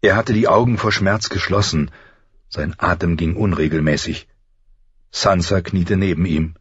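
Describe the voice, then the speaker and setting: A man narrating a fantasy novel in measured, dramatic storytelling. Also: sits low, slightly rough, no room sound, dull audio. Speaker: audiobook narrator. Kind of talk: scripted narration.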